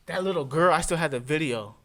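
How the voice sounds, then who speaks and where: A man's voice: fairly high pitch, quick pace, sharp tone. A young man telling stories in casual chat, laid-back and repeating his phrases. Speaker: podcast guest.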